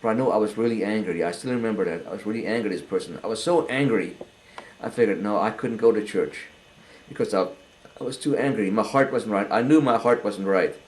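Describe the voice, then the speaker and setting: An older man giving a halting, earnest personal testimony, often repeating words as he goes. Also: on the low side, darkish tone, slight background noise, rough recording. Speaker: interviewee.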